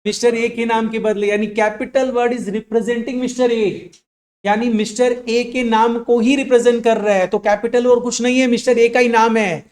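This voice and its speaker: A man's voice: very high voice, little pitch movement. Male accounts teacher quizzing his class. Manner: asks students frequent questions and answers them himself; slows down to dictate definitions word by word. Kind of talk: classroom lecture in mixed Hindi and English.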